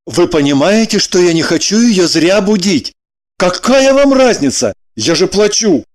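A man's voice: high-pitched, sing-song, unhurried. A man voicing a dry, sardonic man in an audiobook, matter-of-fact and mocking.

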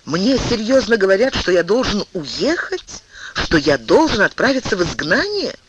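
An impassioned young duke pleads his case, played by a male audiobook reader. The voice rides high and swings widely as he argues. His delivery stays earnest and emotional. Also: very animated, moderate pace, background noise. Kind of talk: audiobook reading.

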